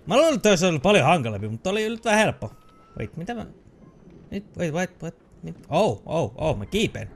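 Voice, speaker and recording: A young man giving jokey, excitable let's-play commentary, who often shouts at the game. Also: mid-range voice, a little hiss or hum. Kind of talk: casual gameplay commentary.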